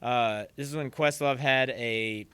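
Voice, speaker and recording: Bright, animated man telling stories. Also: mid-range voice, a little slow, clean tone, no echo. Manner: animated, acts out quotes. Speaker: podcast guest, percussion teacher. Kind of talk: casual interview storytelling.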